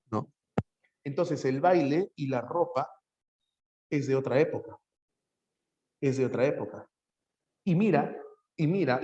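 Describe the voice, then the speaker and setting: Male teacher, slightly high voice; lively classroom lecturer who repeats lines and quizzes students nonstop. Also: dull audio. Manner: animated, repeats phrases, quizzes students with rapid questions. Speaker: psychology teacher.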